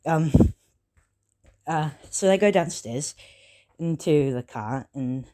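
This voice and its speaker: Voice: medium pitch, expressive, slow pace, mellow. A storyteller retelling a fan story casually, full of fillers and self-corrections.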